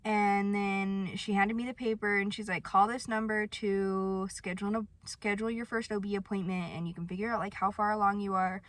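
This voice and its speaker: A woman's voice: mid-range voice, level tone, brisk, hardly any pauses, a bit bright. A young woman chatting casually to her viewers, telling a personal story with lots of "like" and some self-mockery. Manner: chatty, sprinkled with "like", self-mocking. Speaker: vlogger.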